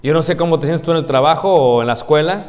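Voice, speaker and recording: A man's voice: on the high side, fast, soft background music. Man preaching in a reverberant church. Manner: rhetorical questions to the congregation. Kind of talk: sermon. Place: church congregation. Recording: long church hall reverb.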